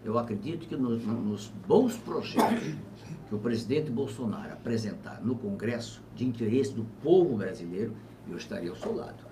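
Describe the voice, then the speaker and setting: A man in his seventies, a former governor, talks through politics in an interview, reflective and measured with emphatic bursts. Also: fairly low pitch, sing-song. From Brazil. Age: 70s. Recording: distant mic with faint ambient noise.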